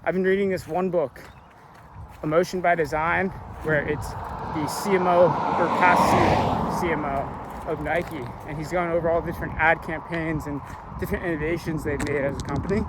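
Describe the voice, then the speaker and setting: A man's voice: on the high side, moderate pace. A young man talking casually to camera on a long road after a run, out of breath and rambling with lots of fillers. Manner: relaxed and rambling, many "like" fillers. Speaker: vlogger. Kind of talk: casual vlog talk to camera. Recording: faint outdoor noise. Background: passing cars and outdoor ambience.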